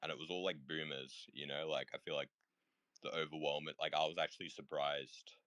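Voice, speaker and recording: A young man with a strikingly deep voice speaks haltingly in a group voice chat, filling gaps with "like" and "um". The recording is close and dry. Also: flat delivery, a bit bright, dry recording. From Australia. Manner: hesitant, full of "like" and "um".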